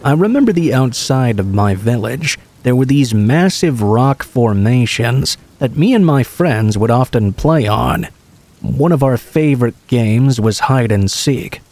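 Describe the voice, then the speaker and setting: A man's voice: medium pitch, a little mellow, dry recording. Man narrating scary stories, dry voice. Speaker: horror story narrator. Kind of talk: scripted first-person story narration.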